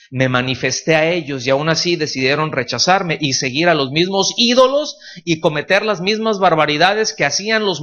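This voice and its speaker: A pastor preaches an expository sermon in a fairly high voice. He keeps the talk colloquial and jokey and often checks that his listeners follow. The recording sounds dull and lo-fi. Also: fairly bright tone.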